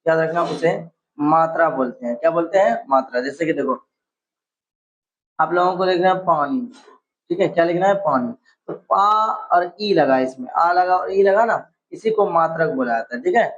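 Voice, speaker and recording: Teacher drilling students, dull recording. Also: male voice, on the high side, normal speed, a little hiss or hum. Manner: repeats questions and answers to drill students. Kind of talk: casual exam-prep grammar lesson. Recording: slightly dull lo-fi sound.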